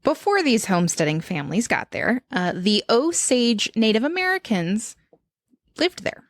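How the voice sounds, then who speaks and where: Brief: woman podcast host, lively pitch, dry close sound, giggly and animated. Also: normal speed, no room sound. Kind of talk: casual chat.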